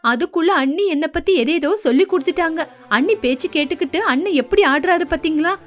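A woman voicing a spoiled, scheming young daughter in an animated story, whiny and sly. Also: very high-pitched, fast, soft background music.

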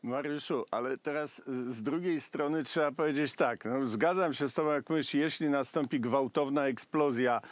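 A man with a Polish accent hosting a political discussion, measured and addressing his guests by name. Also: mid-range voice, no room sound. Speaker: talk show host.

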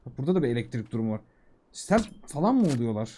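A man giving casual, excitable commentary while playing a video game, talking to himself and the creatures on screen. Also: mid-range voice, very fast, a little hiss or hum. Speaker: gaming YouTuber.

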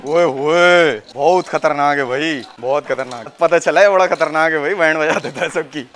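A young man from Pakistan filming a joking vlog outdoors, excitable and often shouting at the kids around him. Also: on the high side, normal speed, slight background noise. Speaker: vlogger. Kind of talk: casual vlog commentary. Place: outdoors on a busy street.

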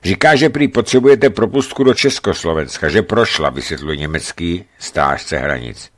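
Male reader with a low voice and a lively, animated read of a memoir, raising his pitch for dialogue. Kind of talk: scripted narration of a travel memoir. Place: studio.

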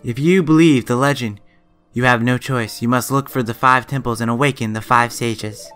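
A man reading game dialogue aloud as a mysterious young male warrior. He keeps his own mid-pitched voice but makes it a little lighter and softer, and delivers the lines in a calm, solemn way. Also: moderate pace, smooth, faint music behind, close to an everyday voice.

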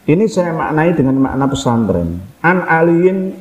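A man's voice: fairly high pitch, sing-song, unhurried, a little hiss or hum. A middle-aged man with a Javanese accent giving a critical religious lecture to camera, repeating his points with rhetorical questions. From Java. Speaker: Islamic preacher. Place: indoor room with wooden doors. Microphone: camera in front, seated. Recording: echoey room, dull sound.

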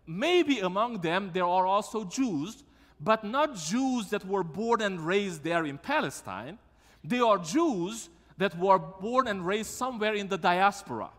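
A man, preaching a sermon as pastor in a church sanctuary and asking the congregation questions. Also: high-pitched. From Romania. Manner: lively, asks the congregation questions. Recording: long church reverb.

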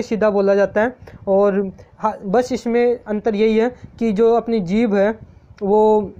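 A man's voice: high voice, mellow. Patient man teaching, dull lo-fi sound. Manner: patient, repeats each example word slowly. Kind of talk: phonetics lesson, explaining step by step. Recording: dull lo-fi recording.

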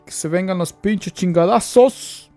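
A young man with a Mexican Spanish accent giving chatty live gameplay commentary, greeting viewers and letting out excitable exclamations. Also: high-pitched, unhurried, soft background music. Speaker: streamer.

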